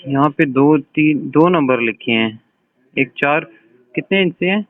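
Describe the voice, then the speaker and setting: A man, heard over a phone line, answering a bank caller slowly and hesitantly and asking many questions. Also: on the high side, expressive, no echo. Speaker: bank customer receiving a call. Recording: dry, tinny phone call recording.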